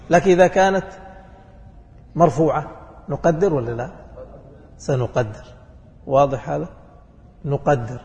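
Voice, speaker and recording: A man teaches grammar in a class, his voice sitting a touch high. He keeps asking questions and answering them himself, checking that everyone follows. His voice trails off into the long reverb of a hall. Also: darkish tone. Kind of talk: classroom lesson.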